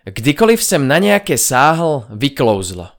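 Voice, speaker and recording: Expressive man narrating an audiobook. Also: mid-range voice. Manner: dramatic, expressive. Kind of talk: first-person audiobook narration.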